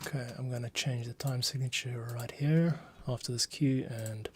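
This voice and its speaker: In a noisy setting, a man with a steady mid-range voice speaks at a moderate pace. He composes as he talks, walking through his scoring process and reasoning aloud as tutorial commentary.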